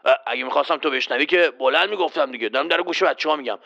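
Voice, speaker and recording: Agha Eskandar, a gruff boastful man. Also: medium pitch, bright, forceful tone, lo-fi sound. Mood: smug. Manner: bossy, teasing, threatens the host. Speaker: quiz contestant. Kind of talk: children's quiz show skit.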